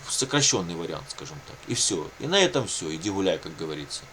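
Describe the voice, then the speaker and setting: Very animated and quick, this man's low, somewhat bright voice comes with a little hiss or hum. A native Russian speaker, he's a video blogger explaining his own situation unscripted, rambling and repeating himself while leaning heavily on colloquial catchphrases.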